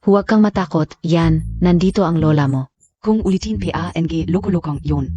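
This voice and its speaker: Commanding old granny, low dark voice, teasing, dubbed drama. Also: female voice, brisk, breathy edge, no room sound, soft background music. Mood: bossy. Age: older. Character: bossy, doting older grandmother.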